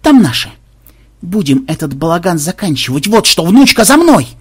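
A man voicing a brash, cunning male warlock programmer who talks loudly and excitedly, often yelling, in an audiobook. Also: sits high, moderate pace, slightly rough, exaggerated voice. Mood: triumphant.

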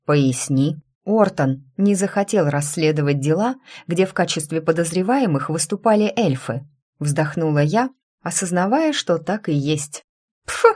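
A woman narrating a first-person story in a steady, unhurried reading voice. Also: on the low side, husky. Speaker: audiobook narrator.

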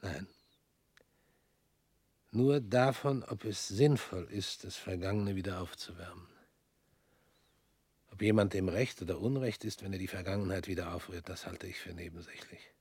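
This low, somewhat mellow male voice with a breathy edge belongs to an actor playing a tired ex-prosecutor in a radio drama. He speaks in a measured, probing way, at times almost whispering, and there's no echo.

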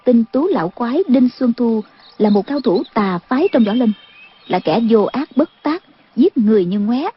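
A woman narrating a martial-arts audiobook with a steady storytelling delivery, in a dull lo-fi recording. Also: on the high side, normal speed, breathy edge. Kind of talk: scripted narration.

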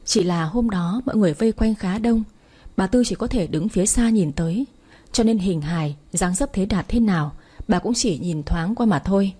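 A woman narrating a romance story in a calm, even storytelling manner. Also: medium pitch, moderate pace, breathy edge.

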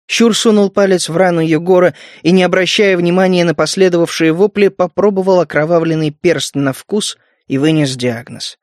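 A man reading an audiobook in a measured storytelling manner. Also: sits high, no room sound, studio quality. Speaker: audiobook narrator. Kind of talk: scripted narration.

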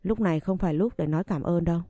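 A woman's voice: fairly low pitch, dark tone, dry recording, faint music behind, lightly acted. A woman doing a commanding wealthy businessman. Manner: brisk, authoritative.

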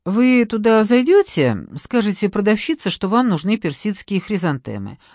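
A woman's voice: mid-range voice, sing-song, normal speed, a little mellow, no room sound, clean studio sound. A woman doing a muffled, flustered shop worker. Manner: hesitant, muffled, apologetic.

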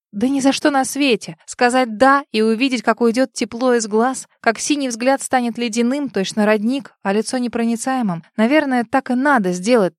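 A woman narrating a first-person romance novel as an audiobook, intimate and expressive, sometimes dropping to breathy whispers. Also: fairly high pitch, no room sound, clean studio sound.

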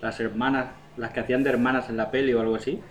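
A man's voice: mid-range voice, level tone, racing. A man chatting casually, hesitant and full of questions. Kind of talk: casual chat among friends.

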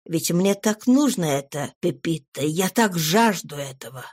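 A woman voicing a soft, tender husband. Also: lowish voice, animated, unhurried, pitched below the performer's own voice. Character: middle-aged male scholar, tender and absorbed.

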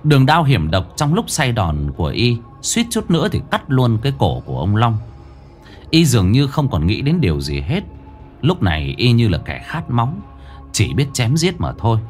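A man reading a ghost story aloud in a dramatic, expressive storytelling style. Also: mid-range voice, normal speed, soft background music. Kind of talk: storytelling narration.

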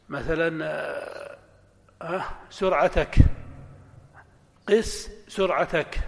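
A man with a high voice teaches grammar as a scholar, slow and measured, saying each example twice over. His lecture rings with the long reverb of a hall, heard as a recorded class. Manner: slow and deliberate, repeating examples aloud. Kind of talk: classroom lecture explaining a text.

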